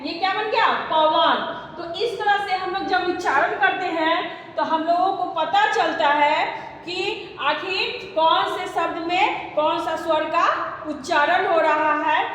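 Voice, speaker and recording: A woman's voice: extremely high pitch, fairly bright tone, a little hiss or hum. A woman teacher with a Bihari Hindi accent giving an online grammar lesson, repeating points and quizzing her students. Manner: slow, repetitive, quizzing students. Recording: echoey room with long reverb.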